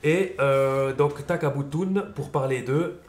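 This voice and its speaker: A man's voice: mid-range voice, takes it slowly, echoey room, slight background noise. A man hosting a casual radio promo chat, joking and hesitating with fillers. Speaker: radio host.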